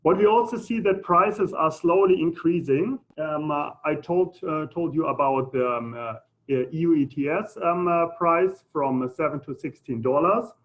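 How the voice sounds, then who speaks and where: A man from Germany with a German accent, giving an informal presentation in a halting, hesitant way. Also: a little high, fairly bright tone. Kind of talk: informal conference presentation with audience questions. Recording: muffled phone-like audio.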